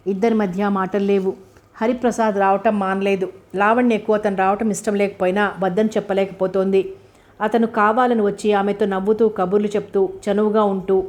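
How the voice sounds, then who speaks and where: A woman reads a chapter of a novel aloud, voicing both the narration and the characters' lines. She keeps a flat, level delivery with little pitch movement, at a steady reading pace.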